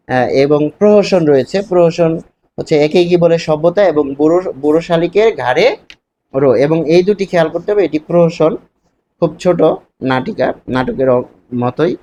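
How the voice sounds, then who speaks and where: A man's voice: on the high side, mellow. A man teaching a literature lesson in Bangladeshi Bengali, explaining step by step and asking rhetorical questions. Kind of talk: classroom lecture. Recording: dull lo-fi sound with faint hiss.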